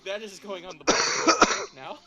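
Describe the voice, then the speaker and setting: Casual male player, bright voice, trips over his words. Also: high voice, unhurried, soft background music. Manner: stammering restarts, joking. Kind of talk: casual tabletop play.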